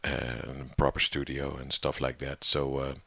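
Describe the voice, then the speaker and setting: A man's voice: a bass voice, little pitch movement, a little slow, vocal fry, bright, forceful tone, no echo, studio quality. A man being interviewed about organizing an online music community, talking casually with many fillers and restarts.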